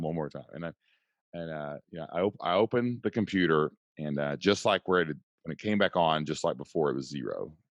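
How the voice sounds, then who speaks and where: A middle-aged man telling a story as a podcast guest, excitable and folksy, calling the listener "man" and "dude". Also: sits low, no echo. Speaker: podcast guest, online entrepreneur. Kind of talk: animated storytelling.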